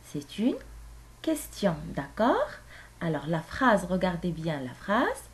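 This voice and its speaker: A woman teaching a grammar lesson to young children, speaking slowly and clearly and repeating phrases for them to say back. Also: fairly low pitch, wildly swooping pitch.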